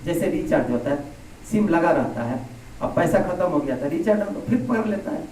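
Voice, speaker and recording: A man preaches to a gathering, his rather high, mellow voice carried through a microphone into a big echoing hall. He is heard from some way off, with a faint murmur of the room behind him. He repeats his key phrases and leans on homely comparisons. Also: animated, a little fast, slight background noise. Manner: explains by plain everyday comparisons. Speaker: spiritual teacher. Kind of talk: satsang sermon. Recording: echoey hall, speaker heard from a distance.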